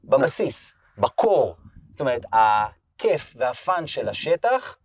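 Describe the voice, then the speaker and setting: Hoarse man, a bit off-mic. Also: mid-range voice, very animated, far from the mic, slight background noise. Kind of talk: casual chat.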